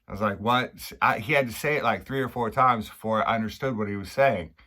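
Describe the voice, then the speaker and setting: A man from Maine with a Maine accent, casually explaining local slang in a halting, rambling way, repeating and restarting phrases. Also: fairly low pitch, pushed and bright. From Maine, United States. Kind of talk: casual unscripted explainer chat.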